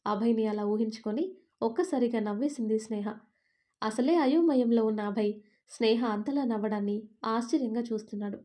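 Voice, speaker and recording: A woman reading a romantic story aloud as narrator, calm and even. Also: fairly high pitch, a little fast.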